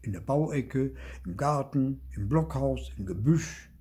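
A man's voice: mid-range voice, takes it slowly, husky. Older man reading a children's story. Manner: lively, expressive reading with voiced dialogue. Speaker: storybook reader.

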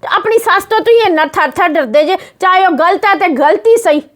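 Fierce young mum acted by a woman, forceful and indignant, piercingly high voice. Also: lively intonation, a little fast. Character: fierce young mother defending her daughter. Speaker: daughter-in-law in family drama. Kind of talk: scripted family drama.

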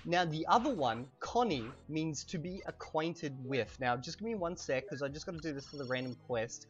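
An Australian man in his thirties, a language teacher and gamer, gives a casual lesson while playing a game from a home room on webcam. Recorded on a cheap desk microphone, his mid-range voice is chatty and animated, and he slows down on key words, spelling them out in a drawn-out way.

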